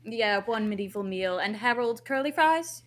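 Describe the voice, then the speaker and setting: A woman's voice: fairly high pitch, lively intonation, normal speed. A woman reading the part of an imperious, scheming fairy godmother at a live table read. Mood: bossy. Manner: imperious, sharp, scolding.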